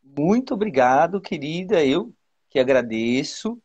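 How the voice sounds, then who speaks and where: A male teacher with a Brazilian Portuguese accent, giving exam advice in a casual, halting way with many repeated words and fillers, over a video call. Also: a little high, big pitch swings, darkish tone, breathy edge, lo-fi sound. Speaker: teacher, guest.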